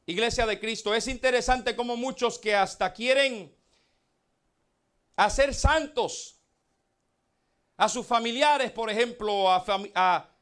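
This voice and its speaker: High-voiced preaching man, slow and emphatic. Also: a bit bright, clear, resonant tone. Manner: preaching with dramatic swings of volume and slow emphatic words; addresses the congregation as beloved brothers. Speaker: pastor. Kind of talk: sermon.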